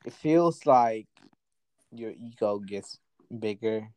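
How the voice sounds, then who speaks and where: A man's voice: on the low side, slow, darkish tone, smooth, no room sound, poor audio. A drunk twenty-one-year-old man hosting a casual chat, laughing a lot, swearing heavily and rambling. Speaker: podcast host.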